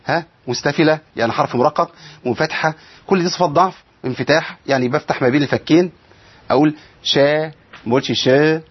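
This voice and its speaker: A man's voice: fairly high pitch, fast talker, husky. A man with an Egyptian Arabic accent teaching a tajweed lesson, asking the class questions and answering them himself while drawing out sounds to show how letters are made. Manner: stretches out sounds to demonstrate letters. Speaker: Quran recitation teacher. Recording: dull lo-fi sound.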